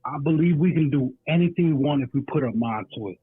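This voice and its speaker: A man's voice: fairly high pitch, fast, slightly rough. A man calling in to a radio talk show, heard muffled as if through a wall, talking in an earnest, preachy way. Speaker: caller. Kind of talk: call-in radio chat. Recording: muffled tinny phone line.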